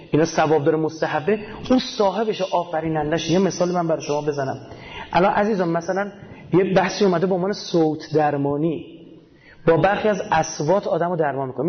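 A man giving a casual, colloquial religious talk, emphatic and full of rhetorical questions he answers himself, with homely everyday examples. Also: a little high. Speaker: religious speaker. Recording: dull lo-fi recording.

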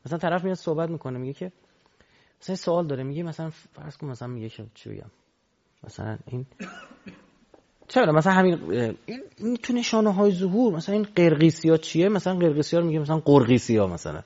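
A man preaching a religious sermon into a microphone, swinging between loud exhortation and low murmurs. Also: sing-song. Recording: dull lo-fi recording.

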